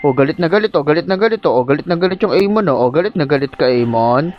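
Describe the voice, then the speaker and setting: A Filipino man giving casual, excitable play-by-play while gaming, teasing his teammates. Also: a little high, fast, highs cut off. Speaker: mobile game streamer. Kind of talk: casual live gameplay commentary.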